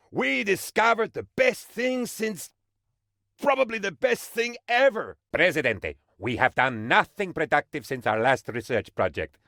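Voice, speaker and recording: An eager, bumbling aide to a dictator in a comic video game reports to his leader with shameless, theatrical officialdom. His pitch swoops excitably, the performance is heavily acted, and the recording is dry and close.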